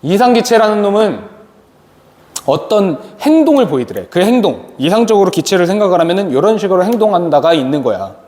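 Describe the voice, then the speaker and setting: A man's voice: high voice, big pitch swings, fairly quick, darkish tone. A man teaching a chemistry lecture, asking questions and answering them himself. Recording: long reverb, faint noise.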